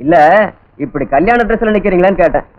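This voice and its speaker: Puzzled queue stranger. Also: male voice, high-pitched, lively intonation, fast, narrow, tinny audio. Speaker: man in a job queue. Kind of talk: comic film acting.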